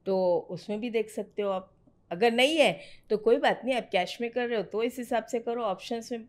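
A middle-aged woman mentors a student on trading, speaking in a direct, firm, conversational way and slipping English phrases into her talk. Her voice is fairly high-pitched and moves at a normal speed.

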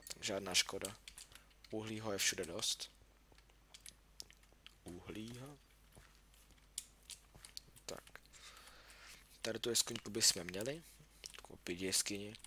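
On the low side but bright and forceful, this young man's voice chats through his own gameplay as a YouTuber, muttering to himself and yelping in alarm. Clear keyboard and mouse clicking sits under the speech, with slight background noise.

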